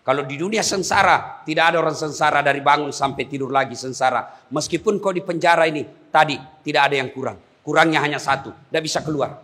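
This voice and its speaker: Animated male preacher, bright voice. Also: on the high side, fast, hardly any pauses. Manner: animated, swinging from hushed to shouted. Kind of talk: humorous sermon. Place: prison gathering.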